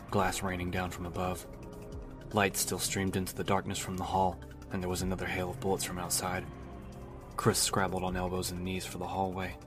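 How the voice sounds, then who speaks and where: A man reading a novel aloud as an audiobook narrator, telling the story in a steady, even way. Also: sits low. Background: music.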